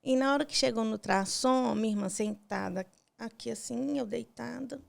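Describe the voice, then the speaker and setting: A tearful woman with a high voice and a gravelly edge tells a painful personal story. She acts out each exchange in quoted dialogue, and at times her voice drops to near a whisper. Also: normal speed. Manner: retells scenes with quoted dialogue, voice breaking softly. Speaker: podcast guest.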